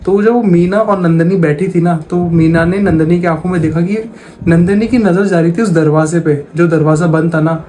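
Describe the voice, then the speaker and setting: On the high side and warm in tone, this man's voice holds steady at a moderate pace over slight background noise. He's a horror storyteller sharing a spooky story casually. He recounts the dialogue in a plain conversational voice and keeps repeating phrases.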